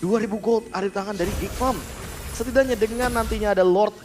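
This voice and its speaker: A man's voice: high voice, quick pace. A man with an Indonesian accent working as an esports caster, giving emphatic, explanatory analysis of the match. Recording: music behind the voice.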